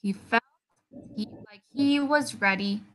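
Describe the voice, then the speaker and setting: Lady doing kids story time, big singsong theatre style, slow n really bright, gets kids repeating stuff. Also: medium pitch, low-quality recording. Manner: broad singsong children's theatre delivery; encouraging, prompting listeners to repeat along. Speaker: children's story-time presenter. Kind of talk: interactive read-aloud for young children.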